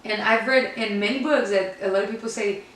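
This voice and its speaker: A woman's voice: medium pitch, fairly quick, a bit bright. A woman co-hosting a casual, personal chat, telling things candidly in an anecdotal way. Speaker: podcast co-host. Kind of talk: casual personal faith conversation. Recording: very echoey room, distant mic, faint noise.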